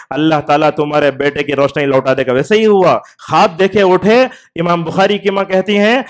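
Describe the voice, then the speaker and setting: High-voiced man preaching a Friday sermon. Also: clear, resonant tone. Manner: storytelling preacher, voice rising and falling with the tale. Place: mosque.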